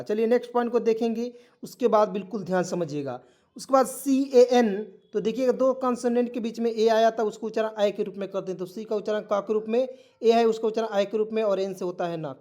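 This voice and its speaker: His voice sits high and is a little mellow as he gives an online spoken-English lesson with a Hindi accent. He spells out words one letter at a time, repeats often, tests his students, and checks in with repeated "ठीक है".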